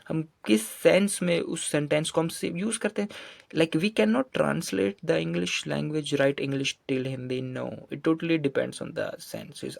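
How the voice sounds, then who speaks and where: A man gives a grammar lesson at a slow, deliberate pace, repeating each example sentence with its translation. His voice sits a little high and has a gravelly edge. The sound is dry and close. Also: dry recording. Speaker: English teacher. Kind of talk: grammar lesson mixing Hindi and English.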